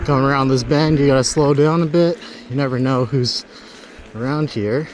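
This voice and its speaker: A man's voice: medium pitch, moderate pace. A man vlogging casually while riding an electric unicycle on outdoor paths, rambling and swearing loosely, speaking into a helmet-mounted mic. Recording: wind and street noise from riding outdoors.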